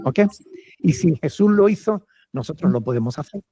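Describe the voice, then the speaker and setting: A man's voice: fairly high pitch, expressive, normal speed, dark tone, husky, no echo. A male pastor with a Peruvian Spanish accent, patiently answering questions from church members and often checking with "ok?".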